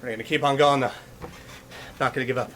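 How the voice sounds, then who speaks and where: Pedaling a bike as he goes, a man with a mid-range voice rattles off quick, casual reactions to horror videos, slightly winded. He reads the on-screen text out loud before reacting with energy. The recording is very noisy.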